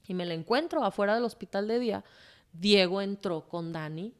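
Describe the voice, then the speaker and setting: A woman with a Mexican Spanish accent tells her own story as a guest. She talks frankly and emotionally, curses without holding back, and strings her thoughts together with lots of fillers. Her voice sits at an ordinary middle pitch. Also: normal speed. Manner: frank and emotional, swears freely, rambles with fillers. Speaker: guest telling her testimony. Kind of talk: candid conversational storytelling.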